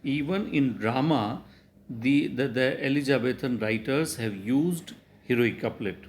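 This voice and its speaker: A man's voice: medium pitch, very slow. A middle-aged man with an Indian English accent giving a recorded college literature lecture, explaining each point again in Hindi. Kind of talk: recorded lecture over slides.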